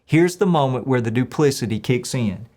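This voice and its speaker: A man's voice: mid-range voice, animated, moderate pace, a little mellow. A male pastor from the United States giving a short devotional sermon, speaking in an earnest, encouraging way.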